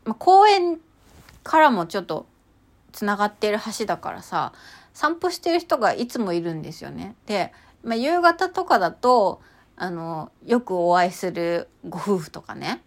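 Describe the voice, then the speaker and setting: Chatty woman rambling about her walks, lots of fillers, squeals when excited. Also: moderate pace. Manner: chatty, animated, bursts into high excited exclamations; many fillers, lots of sentence-final さ. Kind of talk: casual spiritual chat.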